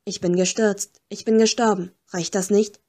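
Lady reading a calm sad ghost boy, quiet and clear, mellow low tone. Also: moderate pace, natural voice. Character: young male ghost, calm, gentle, sad. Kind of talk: audiobook character voice.

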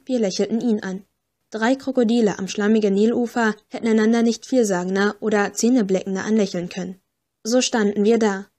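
A woman reading an audiobook in a steady, measured first-person narration. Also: medium pitch.

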